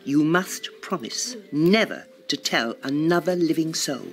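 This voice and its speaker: A woman's voice: deep voice, lively intonation, measured pace, soft background music. An actress playing a prim, theatrical woman who confides a guilty secret in a radio drama. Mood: confiding.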